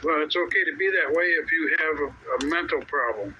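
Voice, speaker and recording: A man with a slightly high voice talks over CB radio, the sound a bit dull with faint noise. He offers opinions plainly and haltingly, in casual conversation. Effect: CB radio transmission. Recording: muffled noisy CB radio transmission.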